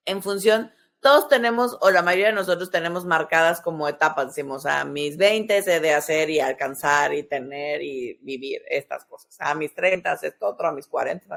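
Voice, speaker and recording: A woman in her forties with a Mexican accent hosts a podcast, explaining things conversationally and step by step while often tacking on short questioning tags. Her voice sits on the low side, with vocal fry.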